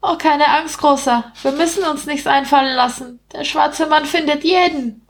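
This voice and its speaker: A woman voicing a cheeky, gossiping male street rat in an audiobook reading, in a high, mocking voice. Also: normal speed. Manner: indignant, mocking, high squeaky voice.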